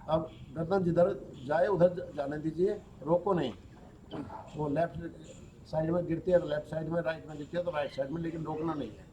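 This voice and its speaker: Male yoga teacher, calm guided relaxation, a touch higher voice, faint room noise. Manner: calm, slow instructions mixing Hindi with English words.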